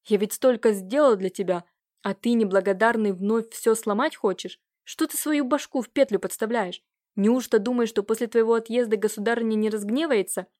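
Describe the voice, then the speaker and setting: A woman reading an audiobook, voicing an agitated older nobleman who scolds and nags his nephew with a hoarse, rising voice. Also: a little high, expressive, a little fast, lightly acted. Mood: scolding. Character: agitated older nobleman uncle, jealous and nagging.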